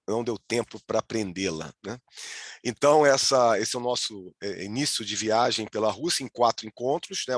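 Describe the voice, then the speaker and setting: A Brazilian-accented man leads an online class through a video call, speaking in a mid-range voice. He talks in halting bursts, repeating words and tagging phrases with quick checks for the listeners. The sound is dry and close to the microphone. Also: mid-range voice, a bit bright, no echo. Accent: Brazilian Portuguese. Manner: hesitant, with frequent restarts and "né?" checks. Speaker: lecturer leading a virtual tour. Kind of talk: online lecture.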